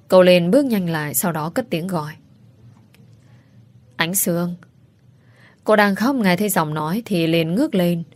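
A woman narrating a romance story aloud in a steady, emotive reading. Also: on the low side, no room sound. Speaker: audiobook narrator.

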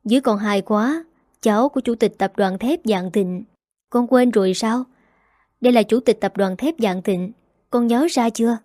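A woman's voice: on the high side, normal speed, warm tone, no echo, studio quality, natural voice. Woman reading an anxious middle-aged mother. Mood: explaining. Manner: choked and pleading.

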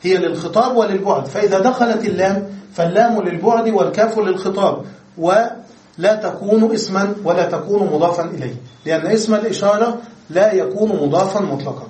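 In a classroom lecture, a man teaches Arabic grammar, walking through it step by step and asking quick questions to make sure students are following. His voice is high-pitched with a darkish tone, and it's recorded from a distance in an echoey room.

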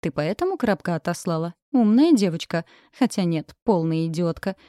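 A woman's voice: lowish voice, lively intonation, normal speed, warm tone, no room sound, studio quality, close to an everyday voice. A woman voicing a mocking, teasing burly bearded man in an audiobook.

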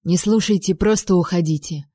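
Woman voicing a seething duke for an audiobook, clipped and tight, low mellow tone. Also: normal speed, slightly rough, no room sound. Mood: restrained anger. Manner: clipped, hissing through held-back anger. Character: restrained, furious nobleman duke, man.

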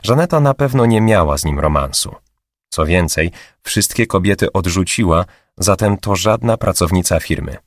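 A man reading an audiobook in a steady, measured narration. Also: low voice, no room sound, studio quality. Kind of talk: scripted narration.

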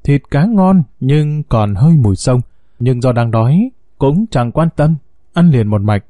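A man narrating a first-person story in a steady, unhurried way as the storyteller of an audio series. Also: mid-range voice, dry recording, studio quality.

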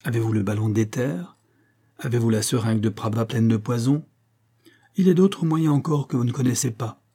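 A man's voice: medium pitch, a little fast, dark tone, close to an everyday voice. A man reading the lines of a threatening master criminal in an audiobook, speaking with barely held anger. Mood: menacing. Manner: threatening, angry. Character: menacing master criminal, middle-aged man.

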